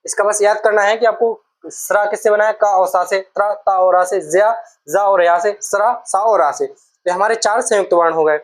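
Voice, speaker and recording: A woman's voice: mid-range voice, steady tone, normal speed, poor audio. A woman teaching an exam-prep Hindi lesson, going through each letter patiently, repeating sounds and asking the class questions.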